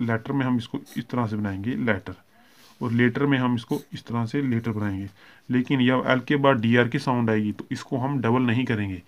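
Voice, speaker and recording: Man, Hindi accent, shorthand teacher, steady explanation, self-corrections, English terms mixed in. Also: mid-range voice, muffled recording. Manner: steady explaining, frequent "ठीक है" check-ins and self-corrections. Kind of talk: classroom lesson explaining strokes.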